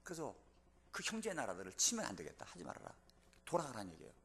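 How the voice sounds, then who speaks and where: A male pastor delivers a sermon in a church at a quick clip. His voice sits at a middle pitch but swings widely, and he keeps tossing rhetorical questions at the congregation before climbing to loud, emphatic exclamations. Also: huge pitch swings. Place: church sanctuary.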